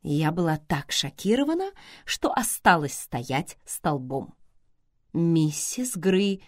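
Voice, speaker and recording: A woman reads a first-person novel with an expressive, ironic edge and a voice that rises and falls a lot. The sound is dry and close, with no room to it. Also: medium pitch, no room sound. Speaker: audiobook narrator.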